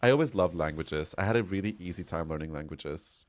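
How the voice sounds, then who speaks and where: Casting: young Austrian-accented male streamer, very low voice, chatty and giggly. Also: brisk. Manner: chatty, laughs often, reads chat aloud. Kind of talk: casual livestream chat.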